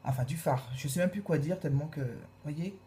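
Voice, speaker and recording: A woman reviewing makeup in a casual, gushing way, repeating her praise and filling pauses with hesitations. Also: deep voice, mellow, a little hiss or hum. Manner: gushing, repeats praise words, many fillers. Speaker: beauty vlogger.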